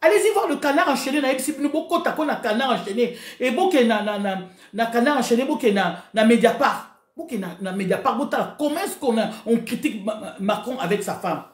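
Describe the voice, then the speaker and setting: Speaking fairly high and animated, a little fast and with hardly any pauses, a Congolese woman from the DRC rants passionately about politics to her online audience. The video host exhorts her followers and repeats phrases emphatically while moving between Lingala and French. The sound is reverberant.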